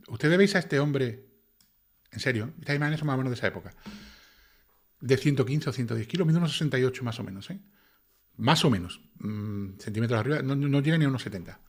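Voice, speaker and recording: A man reading a legal document aloud and breaking off to comment on it with sarcastic, indignant rhetorical questions. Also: mid-range voice. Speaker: YouTube commentator. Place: home desk with computer.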